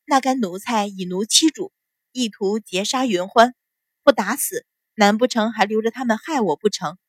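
A woman voicing a calm, sharp-witted young noble daughter who speaks with composed, cool sarcasm. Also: a little high, moderate pace, no echo, close to an everyday voice.

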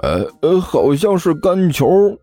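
A man's voice: sits high, sing-song, takes it slowly, warm tone, no room sound, soft background music, voice pushed up, heavily acted. A male narrator voicing a meek young male apprentice who stammers and answers hesitantly in an audiobook story.

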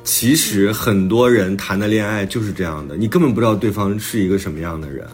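Speaking quickly in a fairly low, darkish voice, this man is an author and podcast host in a relaxed book talk. He reflects on his own book and explains his reasoning, with background music running behind him.

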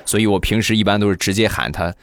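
A man hosting a comedy show, telling jokes and funny anecdotes in a teasing, animated way into a close, dry mic. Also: on the low side, quick pace, heavy background noise. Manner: teasing, animated, acts out quotes. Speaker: comedy podcast host. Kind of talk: joke storytelling.

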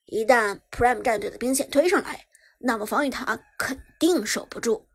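A woman's voice: fairly high pitch, normal speed, slightly rough. A woman voicing a male esports commentator who explains the play enthusiastically.

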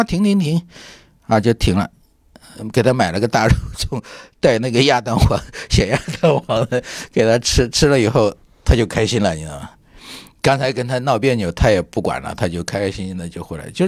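Animated middle-aged man telling anecdotes. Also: medium pitch, no echo, studio quality. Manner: lively, acts out quoted voices; colloquial, many fillers and tag questions. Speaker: film professor, guest. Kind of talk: anecdotal storytelling.

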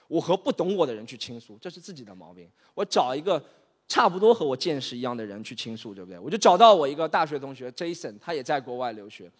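A man in his thirties from Shanghai doing a stand-up set, animated and exasperated as he tells stories on stage. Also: mid-range voice, breathy edge. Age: 30s. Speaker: stand-up comedian. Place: comedy stage. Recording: reverberant hall.

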